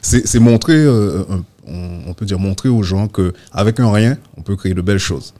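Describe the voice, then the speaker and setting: Deep-voiced man, hesitant. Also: moderate pace, dark tone. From Guadeloupe. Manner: hesitant, many fillers and restarts. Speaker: guest, interior designer. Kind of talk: casual interview talk.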